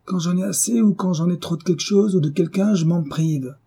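A hulking drunken husband, all bluster and threats, voiced by a man reading a novel. He barks his lines in a raised, rough voice over the reader's dark, husky timbre. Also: high-pitched, brisk, pitched above the performer's own voice, heavily acted. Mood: bullying. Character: brutish drunken giant of a husband, furious.

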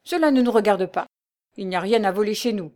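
A woman's voice: mid-range voice, lively intonation, brisk, a little mellow, lightly acted. Woman doing a grumbling old crone mother, scolding and sneering. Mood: mocking.

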